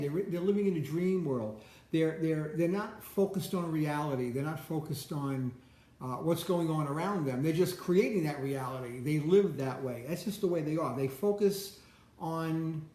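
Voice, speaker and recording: A man with a slightly high voice gives a loose, rambling monologue that often stumbles and repeats words at the start of sentences. He keeps breaking off to greet people passing by. The sound is roomy and echoey. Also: dark tone. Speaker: host. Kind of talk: casual motivational monologue.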